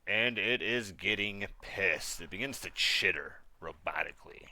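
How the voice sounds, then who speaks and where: Man, game master, casual narrator of a tabletop session, bright tone. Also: deep voice, a little slow, no room sound. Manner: casual, swears when excited.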